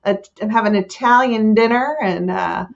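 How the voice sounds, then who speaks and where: A woman's voice: mid-range voice, normal speed, gravelly, a little hiss or hum. Woman host, enthusiastic casual chatter, muffled call sound. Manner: chatty, enthusiastic, frequent fillers. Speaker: host of weekly staff wrap-up. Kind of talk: casual staff chat.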